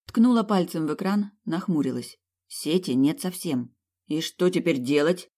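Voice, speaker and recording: A woman's voice: sits low, normal speed. Wry woman narrating comic fantasy. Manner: wry, sarcastic, lively. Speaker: audiobook narrator.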